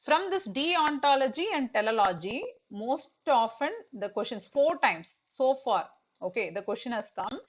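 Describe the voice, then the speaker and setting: This is a woman, middle-aged, delivering an online coaching lecture for exam students. Her voice sits slightly high. She talks in loose, repetitive phrases, leaning on "okay" and "uh" between points. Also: expressive, a little slow. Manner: repetitive, filler-heavy explaining with "okay" and "uh".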